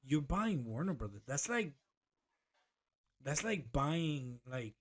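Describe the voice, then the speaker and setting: A man co-hosting a podcast in casual chat, excitable and quick to laugh, dropping slang like "bro". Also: fairly high pitch, a little hiss or hum. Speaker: podcast co-host.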